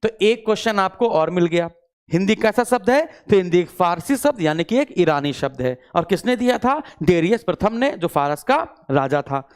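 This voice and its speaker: This is a male teacher in the middle of an online exam-prep lesson. He repeats each point, quizzes the class with quick questions and answers them himself, and drops in English words as he goes. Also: sits high, very animated, clear, resonant tone. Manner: repetitive call-and-response questioning; mixes English words into speech.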